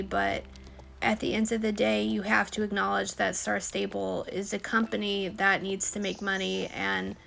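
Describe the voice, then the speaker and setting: A woman with a sore, cold-stricken hoarse voice gives casual, opinionated commentary over a video game. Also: mid-range voice, fairly bright tone. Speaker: gaming video creator. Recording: music behind the voice.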